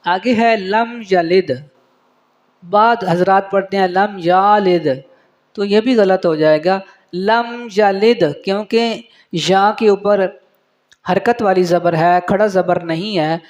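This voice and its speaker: A man teaching how to recite prayer correctly, explaining mistakes and repeating each word to show the right sound, then chanting verses slowly. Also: high-pitched.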